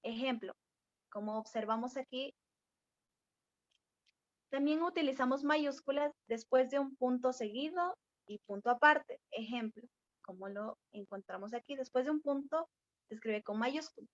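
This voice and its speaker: A young woman reading a class presentation in a steady way, pointing to examples on a board. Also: sits high, normal speed, no echo. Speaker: student presenter. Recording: dry, dull lo-fi sound.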